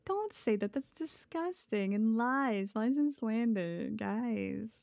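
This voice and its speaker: A woman's voice: fairly high pitch, lively intonation, takes it slowly, vocal fry, a little mellow, no room sound. A woman streaming casually as a VTuber, talking in a playful, giggly gamer-girl way with swearing, close on the mic. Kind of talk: casual live stream chat.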